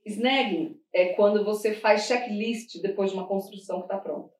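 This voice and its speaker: A Brazilian woman with a Brazilian Portuguese accent chatting casually, telling animated stories, laughing often and acting out what others said. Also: mid-range voice, normal speed. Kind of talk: casual chat. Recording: roomy sound from a distant mic.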